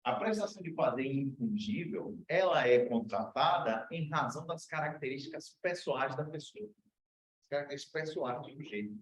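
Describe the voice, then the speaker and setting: A man's voice: a little high, animated, moderate pace, breathy edge, rough recording. A man from Brazil, a law professor, giving a university lecture in a casual, slangy way with anecdotes. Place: lecture room.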